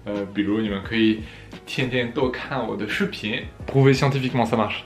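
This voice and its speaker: In a relaxed Q&A vlog, a young Frenchman fields viewers' questions, moving between French and Chinese while poking fun at himself. He speaks at a moderate pace in a medium-pitched, fairly even voice, recorded in an echoey room with gentle music behind him.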